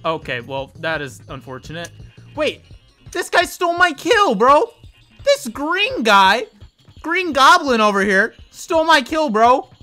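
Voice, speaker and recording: Young guy hyped up narrating his game, bright edgy voice, laughing and razzing everyone. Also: very high voice, a little slow, soft background music. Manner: excitable trash-talk, frequent laughing, says bro constantly. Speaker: gaming video creator. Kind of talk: live gameplay commentary.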